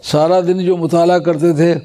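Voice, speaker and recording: Mellow-voiced male religious scholar. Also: a little high, level tone. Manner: explanatory, recites Arabic phrases slowly. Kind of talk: scholarly religious talk to a gathering.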